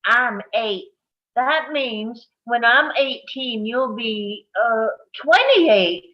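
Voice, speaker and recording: A woman's voice: on the high side, animated, extremely slow. A woman voicing a blunt eight-year-old girl, muffled. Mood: chatty. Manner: matter-of-fact, counting aloud. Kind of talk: table read. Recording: dull lo-fi audio.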